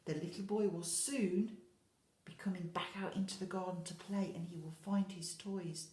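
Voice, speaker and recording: Reading a picture book expressively to young children, this infant school teacher uses a lowish, steady, darkish voice at a moderate pace. She addresses the children directly with questions and asides. The recording carries a roomy indoor echo.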